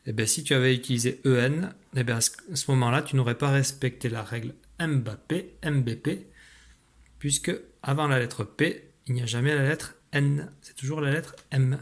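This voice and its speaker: A male teacher leads a spelling dictation at a calm middle pitch. He is patient and clear and stretches out each sound for the listener. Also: moderate pace. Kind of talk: recorded spelling dictation lesson.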